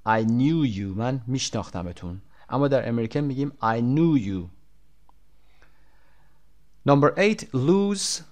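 Male English teacher, textbook lesson, slow deliberate drills with brisk asides. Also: mid-range voice. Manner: slow, deliberate drilling of words, then quick explanations. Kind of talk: textbook lesson, reading verb forms aloud.

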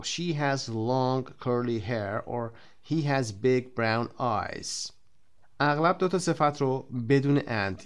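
A man with a Persian accent gives a recorded English lesson from a textbook. His voice sits at an ordinary middle pitch. He reads each example sentence slowly and distinctly, then moves quickly through his explanations. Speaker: English teacher.

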